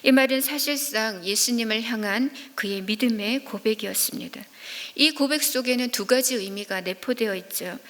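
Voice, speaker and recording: A woman preacher delivers a sermon in an earnest, measured way. Her voice sits a little high and carries a long reverb off the church hall walls. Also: a bit bright. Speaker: evangelist preacher. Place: church sanctuary.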